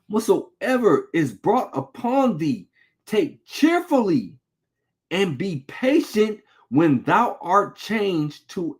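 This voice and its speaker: A man preaching in a relaxed, street-casual way, pitched high with a voice that swoops up and down. He takes his time, drawing out his scripture readings slowly and firing rhetorical questions at his listeners. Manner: reads scripture slowly and deliberately. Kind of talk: informal sermon with scripture reading.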